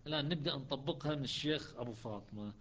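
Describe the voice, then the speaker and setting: A man teaching a Quran recitation class, chanting verses slowly between quick spoken explanations. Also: mid-range voice, a bit bright. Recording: dull lo-fi audio.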